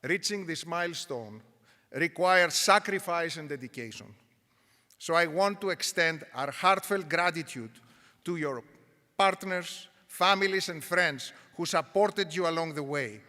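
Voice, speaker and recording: A woman, a university provost, gives a measured, formal commencement speech from an auditorium podium. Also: fairly low pitch, bright, forceful tone. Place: large auditorium. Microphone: podium microphone. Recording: auditorium with long reverb.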